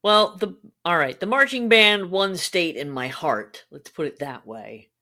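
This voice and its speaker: A woman's voice: on the low side, lively intonation, measured pace, sharp tone. A woman hosting a podcast in casual chat, cheerful and chatty, reading out listener comments. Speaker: podcast host.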